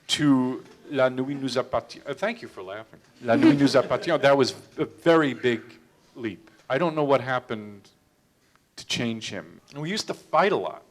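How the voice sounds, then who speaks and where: A male director chatting through stories in front of an audience, voice in an ordinary middle range. He often trips over his words and restarts them. His humor turns against himself. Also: mid-range voice. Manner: anecdotal, self-deprecating, restarts with stammered repeats. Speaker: film director. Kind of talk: storytelling talk at a public Q&A.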